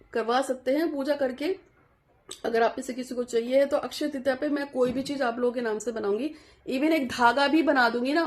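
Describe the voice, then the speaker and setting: A middle-aged woman explaining an astrology remedy to viewers, homely and direct, repeating each wish three times in a chanting cadence. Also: high voice. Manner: homely and direct, mixing in English words. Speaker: astrologer giving home remedies. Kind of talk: devotional how-to talk to viewers.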